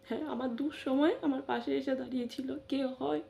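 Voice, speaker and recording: A woman's voice: sits high, steady tone, fairly quick, gravelly, mellow, a little hiss or hum. A middle-aged woman vlogger giving an emotional personal monologue. She talks with passion, repeats phrases and keeps affirming herself with short interjections. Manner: impassioned, repetitive, frequent affirming interjections.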